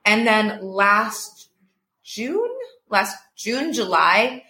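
A woman's voice: medium pitch, animated, drawn-out words, sharp tone, roomy sound. A woman who works as a coach, talking casually and reflectively, often laughing and filling with "like". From Portugal. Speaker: coach, interview guest. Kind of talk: casual conversation.

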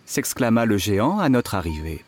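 This storyteller's husky voice carries a children's fairy tale at normal speed as he takes on the role of an inventor teacher speaking to his students. He sounds playful and expressive, with lively rises and falls in pitch, while soft music lingers faintly in the background.

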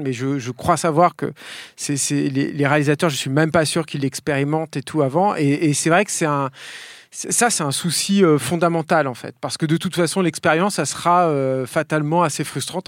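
A man's voice: on the high side, fairly even intonation, fairly quick, no room sound, clean studio sound. A man on a panel, talking things through thoughtfully and repeating himself. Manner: thoughtful, repeats himself, says "en fait" often. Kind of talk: casual roundtable chat.

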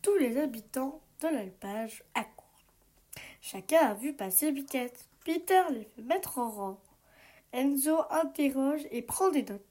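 Slow, gentle woman reading a children's book. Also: sits high. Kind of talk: reading a picture book aloud.

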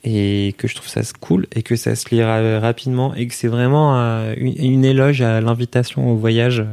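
A man's voice: mid-range voice, level tone, moderate pace, gravelly, dark tone, clear, resonant tone. A man co-hosting a podcast in casual chat, rambling with lots of fillers and restarts. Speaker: podcast co-host.

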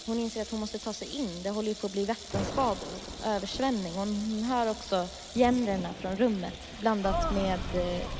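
A woman with a mid-range voice narrates a ghost story step by step, describing each eerie detail. Loud frying and sizzling fills the background the whole time. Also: mid-range voice, long reverb tail, background noise. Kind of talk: improvised horror storytelling.

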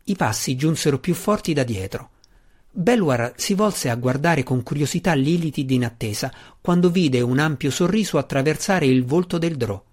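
A man reading a fantasy novel aloud as an audiobook narrator, in a steady, measured way. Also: a little high.

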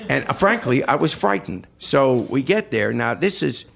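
A man's voice: mid-range voice, normal speed, creaky. An older man from New York, hosting and telling a long personal story with quoted voices. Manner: animated anecdote with quoted voices. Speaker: host.

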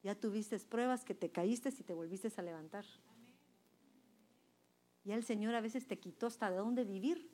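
A woman's voice: medium pitch, moderate pace, long pauses. A woman preaching a sermon to a women's church group, emphatic and quizzing her listeners with questions. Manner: emphatic, swings between loud and soft.

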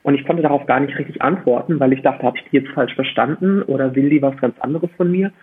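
Speaking fast in a mid-range, breathy-edged voice, a podcast guest makes his case emphatically and articulately, using rhetorical questions as he explains his opinions in a conversational interview. The line is muffled and band-limited, like a phone.

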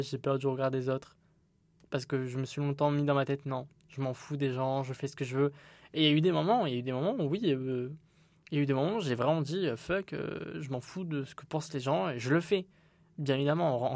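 A man's voice: medium pitch, vocal fry, darkish tone, no room sound. A young man hosting his own solo podcast, talking candidly and rambling with frequent restarts. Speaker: podcast host.

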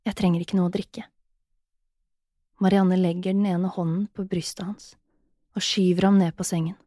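A woman narrates an erotic audio story in a soft, intimate manner, now and then slipping into a whisper. Her tone is mellow and warm rather than bright. The recording is dry and close, with no room sound. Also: lowish voice, flat delivery, no room sound.

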